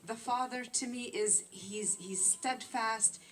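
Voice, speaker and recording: A woman's voice: on the high side, slow, distant mic, a little hiss or hum. A woman in her forties from Palestine, commenting earnestly from the audience at a film screening. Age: 40s. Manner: earnest, impassioned. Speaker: audience member. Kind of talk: question from the audience. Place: screening hall.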